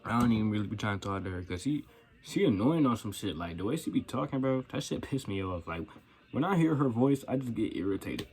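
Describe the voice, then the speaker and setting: A man's voice: lowish voice, expressive, fairly quick, a little mellow. A young man telling a profane, slangy story about his coworkers in a casual rant. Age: young adult. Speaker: vlogger.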